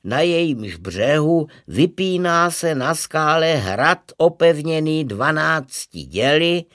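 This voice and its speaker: A man's voice: a little high, very animated, a bit bright, dry recording, clean studio sound, pitched above the performer's own voice. A man voicing a timid, pedantic male teacher in a storybook reading, stammering and lecturing.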